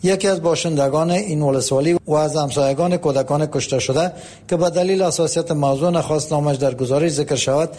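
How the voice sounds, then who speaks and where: A man, narrating a scripted radio news report in an even, formal tone. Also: on the high side.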